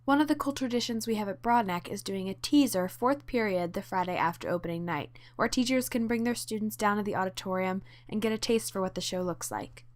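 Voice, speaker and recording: Casting: teen girl voice-over, mid-pitched, casual and soft. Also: fairly quick, few pauses. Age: teens. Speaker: documentary narrator. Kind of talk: voice-over narration.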